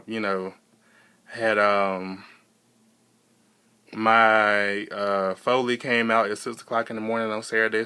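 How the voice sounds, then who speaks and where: A young American man talking casually to viewers in a personal vlog, halting and rambling, repeating himself for emphasis. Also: fairly low pitch, bright, forceful tone, clear, resonant tone. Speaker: vlogger.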